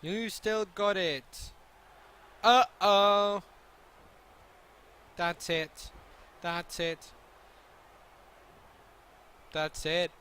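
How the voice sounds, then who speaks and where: Bright, high-voiced excitable male streamer. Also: drawn-out words, pauses often, smooth. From continental Europe, outside the British Isles. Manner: excitable, joking, swearing freely. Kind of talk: live gameplay commentary and chat replies.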